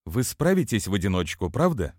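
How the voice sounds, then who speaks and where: A male reader voicing a sharp, scheming young woman in a dry, close audiobook recording. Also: very animated, a little fast, no echo. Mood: tense. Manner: higher, lighter put-on voice, faking a choked wheeze on the call.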